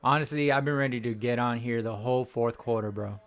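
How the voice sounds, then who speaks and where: A man's voice: mid-range voice, a little fast. A young man hosting a fan channel, ranting in frustration after a game, repeating himself and rambling. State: voice cracking. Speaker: sports fan channel host. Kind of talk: post-game reaction rant. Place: at home.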